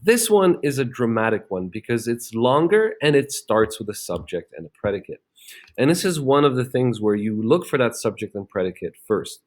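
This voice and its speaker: A man's voice: medium pitch, very animated, normal speed, a little mellow. A man teaching a grammar lesson, explaining step by step with frequent "okay?" checks and fillers. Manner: plenty of fillers and restarts.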